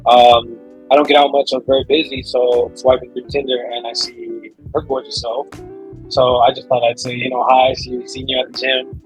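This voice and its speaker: A man in his twenties introducing himself and answering interview questions casually, with hesitant pauses. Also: medium pitch, flat delivery, faint music behind, rough recording. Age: 20s.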